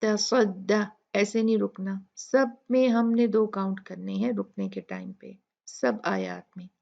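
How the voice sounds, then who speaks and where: Slow, gravelly woman teaching recitation. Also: medium pitch, animated, warm tone. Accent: Pakistani Urdu. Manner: patient, repeats sounds slowly for demonstration. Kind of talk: tajweed lesson explaining recitation rules. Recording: dull lo-fi recording.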